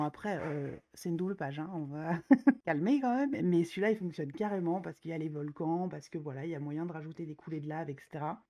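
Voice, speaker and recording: A woman's voice: on the low side, warm tone. A woman talking casually while browsing coloring books, chatty with many fillers, a little nasal from a cold. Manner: chatty, many fillers, slangy and self-mocking. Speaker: coloring YouTuber. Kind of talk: casual chat leafing through coloring books.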